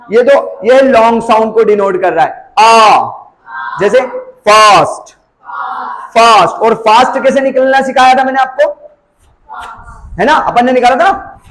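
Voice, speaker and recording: A man teaching English pronunciation, repeating each vowel sound slowly and calling out example words loudly. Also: extremely high pitch, low-quality recording. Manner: slow, drawn-out repetition of each sound. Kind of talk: spoken English lesson.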